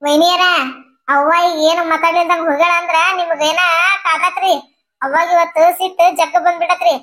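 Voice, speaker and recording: A woman's voice: very high voice, level tone, fairly quick, a bit bright. A woman voicing a cheeky, gossipy young sister-in-law in a cartoon, taunting in a North Karnataka Kannada accent. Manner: teasing, taunting.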